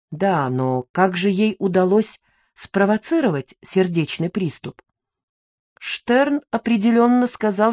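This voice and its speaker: A woman reading a first-person detective story aloud in a wry, lively way. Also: mid-range voice. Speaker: audiobook narrator. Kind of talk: first-person audiobook narration.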